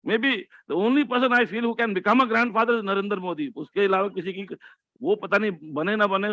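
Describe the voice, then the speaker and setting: A man's voice: sits high, fairly bright tone, no room sound, highs cut off. A man in his sixties with an Indian English accent, giving a motivational keynote talk, joking and quizzing the audience. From India, grew up in Delhi. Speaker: motivational speaker.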